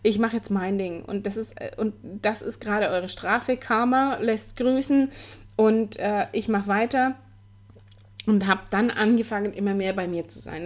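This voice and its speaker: A woman in her forties hosting a podcast, telling her personal story in an earnest, candid way, with many fillers and restarts. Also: medium pitch. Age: 40s. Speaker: podcast host.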